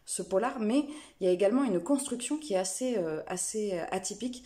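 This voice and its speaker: A woman's voice: mid-range voice, animated, a little fast, mellow. A woman reviewing books in a casual chat, hesitant and full of fillers. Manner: chatty, hesitant with many fillers. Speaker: book and knitting vlogger.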